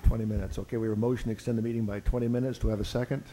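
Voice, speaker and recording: A man's voice: on the low side, level tone, very fast, warm tone. A man chairing a public board meeting, procedural, with a dry sense of humor. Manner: procedural, with dry joking asides.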